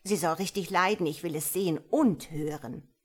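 A woman reading aloud and voicing a coarse, bloodthirsty wife who shouts eager demands. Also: lowish voice, moderate pace, slightly rough. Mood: eager demanding.

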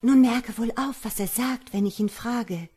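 A woman voicing a high, anxious young woman. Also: a little slow, dark tone, husky. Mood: brisk.

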